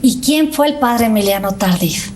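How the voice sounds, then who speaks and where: A high-pitched woman tells a story as the host of a faith talk show. She speaks in an animated way and acts out the voices of the people in her story. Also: moderate pace, slight background noise. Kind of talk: casual faith chat, storytelling.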